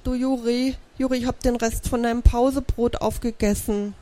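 A woman's voice: fairly high pitch, fairly even intonation, moderate pace, dark tone, close to an everyday voice. A woman voicing a small, greedy male dinosaur who sheepishly owns up to eating a sandwich. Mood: contrite. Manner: contrite then cheeky.

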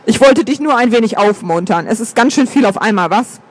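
An easygoing older man with a soothing, wry manner, as a male narrator reads him. The voice stays light and high, read in an even storybook delivery. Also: a little fast. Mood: reassuring.

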